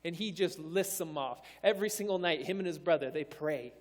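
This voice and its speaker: A man in his thirties preaching a sermon, swinging between forceful declarations and quiet, conversational asides. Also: on the high side, brisk, in a large hall. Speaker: pastor. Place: church sanctuary.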